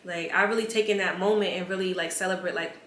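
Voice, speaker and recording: A woman's voice: on the low side, fairly even intonation, fast talker, fairly bright tone, slight background noise. A woman in her twenties talking candidly to her camera as a vlogger, casual and full of "like" fillers. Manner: chatty, many "like" fillers, candid. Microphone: camera mic. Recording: roomy with faint ambience.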